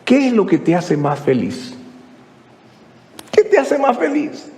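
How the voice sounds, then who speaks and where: A male pastor preaching a sermon, asking rhetorical question after question and swinging from hushed to exclaiming. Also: high-pitched, big pitch swings, slow, long reverb tail. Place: church.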